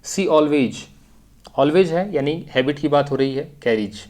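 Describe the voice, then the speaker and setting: A man's voice: on the high side, animated, slow, darkish tone. A man teaching an exam-prep English grammar lesson, explaining step by step and repeating key phrases.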